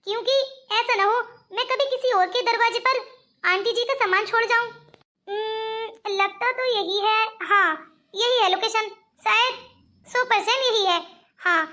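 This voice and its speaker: A woman's voice: very high voice, pushed and bright. A woman voicing a poor, honest young woman in a cartoon, speaking politely and earnestly. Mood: searching. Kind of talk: cartoon voice acting.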